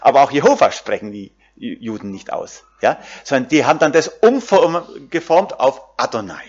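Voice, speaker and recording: A man preaching a sermon in a lively voice that rises and falls widely. He speaks straight to his listeners, full of fillers and little tag questions. The recording sounds dull and lo-fi. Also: mid-range voice, normal speed, breathy edge. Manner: talks directly to the congregation with many fillers and tag questions.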